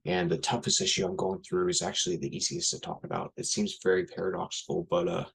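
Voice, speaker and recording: Nursing a headache, this thirties podcast host talks in a low, husky voice with vocal fry, very animated and fast. His casual monologue is rambling and blunt, packed with fillers and self-corrections. Audio quality is poor.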